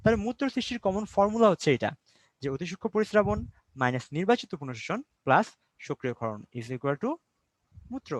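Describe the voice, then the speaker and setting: Young man from Bangladesh, biology tutor, rapid delivery, fairly high voice, dry close mic, rhetorical questions. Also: big pitch swings, no room sound. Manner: explains step by step with rhetorical questions, mixes English words. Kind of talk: online class lecture.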